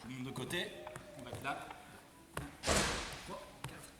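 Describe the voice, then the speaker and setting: A man's voice: mid-range voice, a little slow, heavy background noise. Man coaching a workout in an echoey hall. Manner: instructive, counts reps while exercising. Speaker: fitness coach. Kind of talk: workout demonstration. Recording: echoey hall, distant mic, music.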